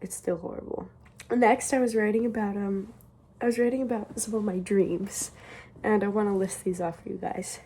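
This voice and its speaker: A woman's voice: mid-range voice, fairly even intonation, normal speed, mellow, slight background noise. A young adult woman casually reading aloud from her childhood diary and commenting on it with amused, self-mocking embarrassment.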